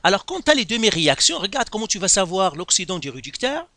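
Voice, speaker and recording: Lively, bright-voiced teacher. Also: male voice, high-pitched, fast talker, no room sound, clean studio sound. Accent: Quebec French. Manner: explains step by step, with many rhetorical questions. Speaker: chemistry teacher. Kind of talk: lesson explaining a worked exercise.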